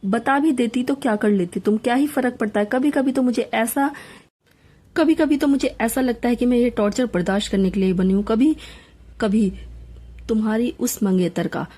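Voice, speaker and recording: A woman's voice: fairly high pitch, moderate pace, mellow, close to an everyday voice. A woman voicing a bitter, weary young wife.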